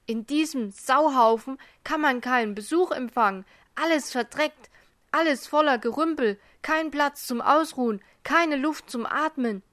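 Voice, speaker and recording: A woman voicing an ordinary man in a panic over his dirty house, shouting and agitated. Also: sits high, measured pace, no room sound, studio quality, pitched above the performer's own voice. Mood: frantic shouting.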